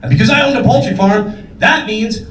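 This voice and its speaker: A man's voice: very high-pitched, brisk, fairly bright tone, distant mic. Brash profane stand-up comedian man. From New York State. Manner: brash, profane, self-mocking punchlines. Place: comedy club stage. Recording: roomy club recording, faint crowd.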